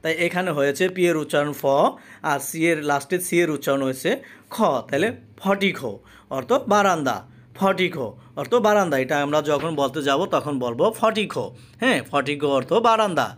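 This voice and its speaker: Guy giving a pronunciation lesson, kinda high voice, says every word twice. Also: expressive, a bit bright. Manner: slow, repeats each word and meaning twice. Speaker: English pronunciation teacher. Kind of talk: spoken language lesson.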